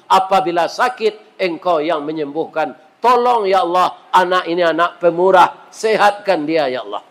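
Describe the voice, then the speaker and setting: A preacher voicing a tearful devout doctor. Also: male voice. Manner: solemn, pleading prayer in a lowered voice. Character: devout grateful male doctor, tearful and pleading.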